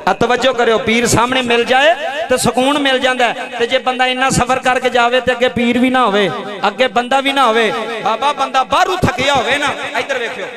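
A man's voice: very high voice, steady tone, brisk, reverberant. A man preaching an emotional sermon to a gathering, calling on the listeners to answer him. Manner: impassioned, calls on the audience to answer. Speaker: Islamic preacher. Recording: live event with crowd noise.

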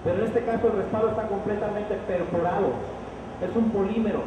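A man's voice: sits high, fairly even intonation, a little fast. A middle-aged man giving a live product demonstration into a handheld microphone in a large roofed expo hall, explaining step by step and often checking with the crowd. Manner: explanatory, asks the crowd frequent checking questions. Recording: echoey hall, distant camera, crowd noise.

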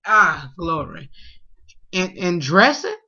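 A young vlogger with a high-pitched, slightly rough voice takes his time, his intonation lively and his tone sharp. Sitting in a small room at home, he casually reads out food questions and answers them with many fillers. A close webcam records him in dull, lo-fi sound.

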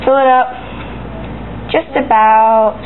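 A woman's voice: on the high side, steady tone, takes it slowly. A woman presenting a homemade cooking demonstration, bossily giving instructions and scolding her helper. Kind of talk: homemade cooking demo chat. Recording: tinny lo-fi home camera with clear noise.

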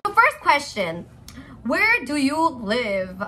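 A woman's voice: high-pitched, very animated, takes it slowly, bright, forceful tone, slight background noise. A young woman chatting casually in a home vlog, playful and self-mocking, laughing and leaning on "like" fillers. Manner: chatty and giggly, lots of "like" fillers. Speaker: vlogger. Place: at home indoors.

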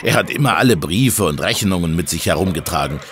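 An actor playing a dutiful, harried police inspector in a German radio play, reporting in a matter-of-fact way. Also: male voice, low voice, expressive, fairly quick, fairly bright tone.

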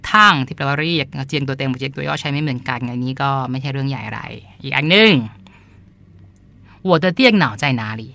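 A man's voice: medium pitch, steady tone, very fast, vocal fry, few pauses, bright, forceful tone. A man hosting a podcast, chatting casually as he explains terms and often repeats them with polite particles. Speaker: podcast host and translator.

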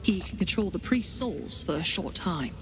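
An actress voicing a vengeful warrior queen in a video game, a grieving mother with iron will who speaks gravely and with command. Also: lowish voice, lively intonation, normal speed, rough recording. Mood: grim, vengeful. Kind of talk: video game character dialogue. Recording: music behind the voice.

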